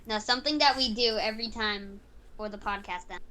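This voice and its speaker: A woman's voice: mid-range voice, a little fast, sharp tone. A teenage girl co-hosting a podcast over an online call, chatty and eager, with a mic that cuts out. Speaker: podcast co-host. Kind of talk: casual chat. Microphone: online call, mic cutting out.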